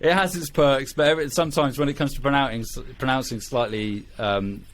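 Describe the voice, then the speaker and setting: A man's voice: mid-range voice, fairly even intonation, a little fast, a bit bright. A man with a British accent hosting a music production podcast, chatty and prone to digressions, with frequent ums and restarts. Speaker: podcast host. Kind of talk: casual podcast interview.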